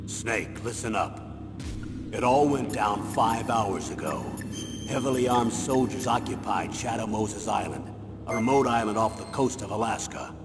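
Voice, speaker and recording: Grave, commanding colonel in echoing hall. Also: male voice, lowish voice, measured pace, over music. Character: grave commanding male colonel briefing an agent. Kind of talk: scripted video game voice acting. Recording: echoey hall, noisy ambience.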